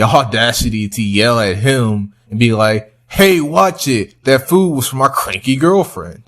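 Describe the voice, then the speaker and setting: A young man hosting a video, talking casually through a commentary and chuckling often as he goes. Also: on the low side. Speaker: video host.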